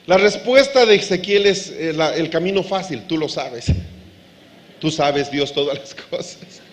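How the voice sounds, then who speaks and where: High-voiced man preaching a sermon. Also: unhurried. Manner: animated preaching, acts out dialogue; asks the congregation questions. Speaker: pastor.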